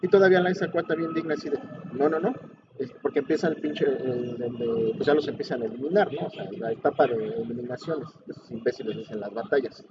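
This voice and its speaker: A man's voice: medium pitch, fast, few pauses. A Mexican man with a casual, opinionated, foul-mouthed way of ranting in heavy slang. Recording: muffled lo-fi audio, clear vehicle noise.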